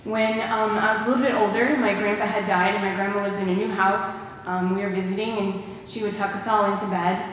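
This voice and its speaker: A woman's voice: medium pitch, fairly even intonation, fairly quick, hardly any pauses, a little hiss or hum. A woman giving a testimony talk in church, telling stories and quoting scripture. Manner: warm storytelling with scripture quotes. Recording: echoey hall recorded from far off.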